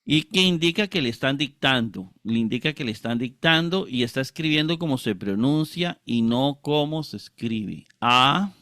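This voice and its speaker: A man's voice: mid-range voice, lively intonation, fairly bright tone, no room sound, clean studio sound. A man teaching Greek Bible exegesis, reading from ancient manuscripts, carefully spelling out words and often asking for agreement. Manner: slow, deliberate, spells out Greek words syllable by syllable; frequent tag questions and throat clearing.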